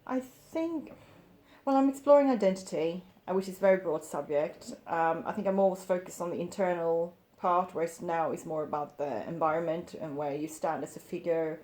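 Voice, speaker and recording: A woman in her forties, raised in Sweden, giving thoughtful, hesitant interview answers as an artist, with many pauses and ums. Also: on the low side, a little mellow. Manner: thoughtful, hesitant, with frequent ums and light laughs.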